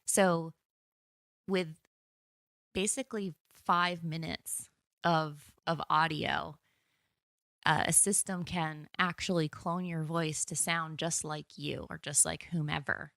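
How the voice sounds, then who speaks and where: A woman's voice: deep voice, fairly even intonation, slow pace, creaky, a bit bright, no echo, studio quality. A woman co-hosting a podcast, explaining ideas in casual conversation and thinking aloud with small restarts. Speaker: podcast co-host.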